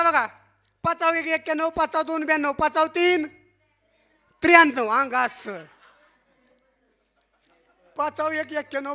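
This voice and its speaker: A man's voice: very high voice, pushed and bright. A man giving a devotional kirtan discourse, playfully quizzing the crowd in call and response. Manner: playful teasing with the audience. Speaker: kirtan preacher.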